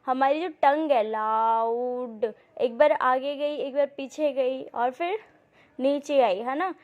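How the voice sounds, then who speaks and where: Female coaching-class teacher, high voice, patient explainer who keeps checking in with students. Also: narrow, tinny audio. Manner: reads English passages slowly and deliberately. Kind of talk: exam-prep coaching lecture.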